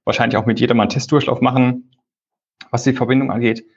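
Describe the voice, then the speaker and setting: Guy on a crappy lo-fi phone call, kinda husky, just chatting through it with lots of ums. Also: little pitch movement, fast talker. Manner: explains at length with fillers, loose and conversational. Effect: low-quality phone call recording. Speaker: conference lead organizer, interview guest. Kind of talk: casual phone interview. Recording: dull lo-fi phone call audio.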